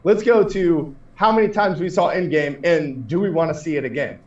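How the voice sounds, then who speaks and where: A man hosts a relaxed podcast in a loose, joking way that sometimes turns profane. His voice is a little high and sits back from the mic. The room echoes, and the sound is dull and lo-fi. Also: moderate pace, far from the mic. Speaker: podcast host. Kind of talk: casual podcast banter.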